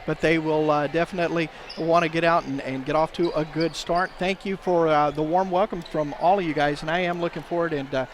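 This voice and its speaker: A man chats as color commentator at a college basketball game, easygoing and full of fillers. His voice is high for a man. A faint noise runs under the broadcast. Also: steady tone, a little fast, hardly any pauses. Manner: chatty, filler-heavy, laughs easily. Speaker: radio sports director and color commentator. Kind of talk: casual commentary banter.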